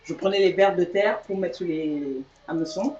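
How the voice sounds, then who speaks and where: A woman co-hosting a live chat, telling a childhood story in a soft, hesitant way. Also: lowish voice, normal speed. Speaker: co-host. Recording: distant, roomy, dull sound.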